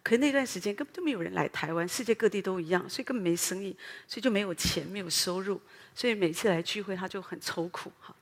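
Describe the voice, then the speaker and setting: A middle-aged woman pastor with a Taiwanese Mandarin accent, preaching an earnest, animated sermon full of fillers and rhetorical questions. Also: medium pitch, quick pace. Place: church sanctuary. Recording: long hall reverb.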